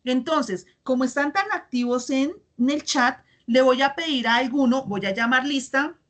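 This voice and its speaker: A woman's voice: high-pitched, normal speed, a bit bright. A woman teacher running an online class, reading students' chat comments aloud and checking understanding with frequent tag questions.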